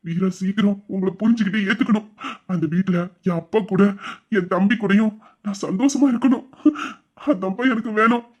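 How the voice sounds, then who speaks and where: Brief: man cast as tender young son in an audio drama, high-pitched, earnest and pleading. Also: a little fast, dull audio. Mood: tearful, earnest. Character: devoted young adult son, emotional and tender.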